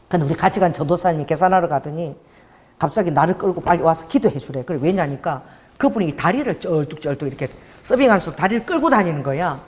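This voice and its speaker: Animated woman pastor preaching in a hall. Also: fairly low pitch. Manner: animated storytelling with quoted voices. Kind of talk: sermon.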